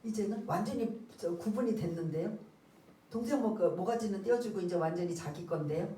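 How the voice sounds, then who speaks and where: A woman's voice: mid-range voice, brisk, dark tone. A woman pastor preaching a sermon, asking the congregation questions and acting out the characters' words. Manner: asks the congregation questions and waits for answers; acts out the characters' words in quotes. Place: church sanctuary. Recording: roomy church sound, voice heard from a distance.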